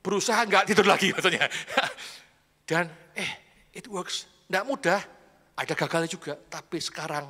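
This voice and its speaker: A man's voice: fairly high pitch, sharp tone. A man preaching a sermon, chatty and confiding, laughing often between points. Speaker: pastor. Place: church hall. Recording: echoey church hall.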